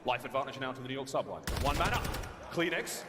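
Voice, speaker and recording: A man's voice: mid-range voice, lively intonation, quick pace. A man giving live play-by-play esports commentary as a caster, with dramatic, theatrical phrasing. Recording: reverberant hall, noisy background.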